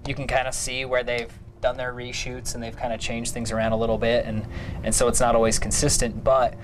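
A man co-hosting a casual store update, chiming in with quick, enthusiastic opinions on films and shows. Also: medium pitch, little pitch movement, slight background noise. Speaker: co-host. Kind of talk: casual chat.

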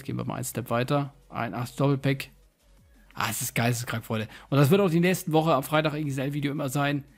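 Male gaming host, fairly high voice, chatty hype-laden slang aimed at viewers, music underneath. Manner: slangy hype talk, addressing viewers as friends. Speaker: gaming video host opening packs. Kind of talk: casual gaming commentary to viewers.

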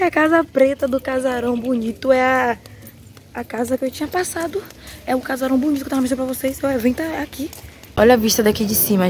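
A young woman chatting excitedly in a casual vlog, often dropping to whispered asides, filmed on a handheld phone as she walks outdoors and through a big house. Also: on the high side. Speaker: vlogger. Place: outdoors walking a street, then inside a large house.

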